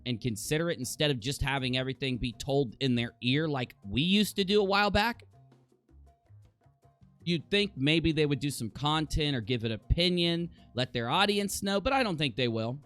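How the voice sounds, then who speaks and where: Animated man ranting on a livestream. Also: fairly high pitch. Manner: animated, ranting, swears casually. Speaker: streamer host. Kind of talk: casual livestream chat.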